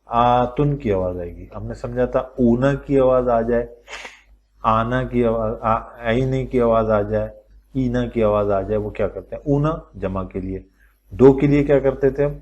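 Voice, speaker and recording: A man teaching a Quran lesson, explaining step by step and posing questions to his students before answering them. He slows down and stretches out the words when he lists examples. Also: mid-range voice, a little mellow, muffled recording. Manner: patient, explains step by step and asks questions aloud to the class; draws out word forms slowly when listing examples. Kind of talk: recorded teaching lecture.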